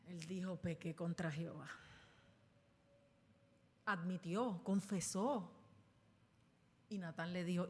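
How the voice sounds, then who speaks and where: A woman pastor delivering a dramatic sermon, with sudden loud bursts as she acts out the voices she quotes. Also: on the low side. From Puerto Rico. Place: church sanctuary. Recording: long reverb in a church hall.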